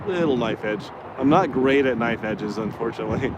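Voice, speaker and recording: A radio-control plane vlogger chats casually while flying a model plane outdoors beside a road in the wind. His mid-range voice is a little fast. The lo-fi recording is noisy with wind, vehicle sound and outdoor motor noise.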